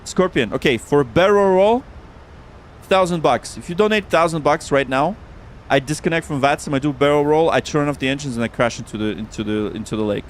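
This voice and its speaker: A man's voice: a little high, fairly quick, slight background noise. A man hosting a casual flight simulator livestream, talking informally and often repeating his words. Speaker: livestream host.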